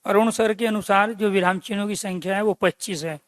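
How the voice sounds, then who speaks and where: High-voiced grammar teacher. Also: male voice, fairly even intonation, brisk, no echo. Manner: repeats key phrases and quizzes listeners with questions; calls listeners dear friends. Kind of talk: online exam-prep lesson.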